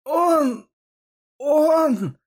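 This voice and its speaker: A man voicing a dying young Komsomol organizer, badly wounded, gasping and pleading slowly. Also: extremely high pitch, animated, voice pushed up, heavily acted. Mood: pained pleading. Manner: slow, strained, pleading. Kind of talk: audiobook character voice.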